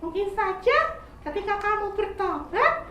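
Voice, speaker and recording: A woman voicing a wise, kindly squirrel who gives advice in a gently scolding way. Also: extremely high pitch, animated, measured pace, a little hiss or hum, pitched above the performer's own voice, heavily acted. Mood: advising. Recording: echoey room, from far off.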